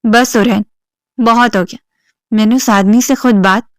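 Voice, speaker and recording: A woman's voice: on the high side, steady tone, smooth, no room sound, studio quality, natural voice. Stern, protective soldier father, read by a woman. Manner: caring but stern. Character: protective father, former soldier, older man.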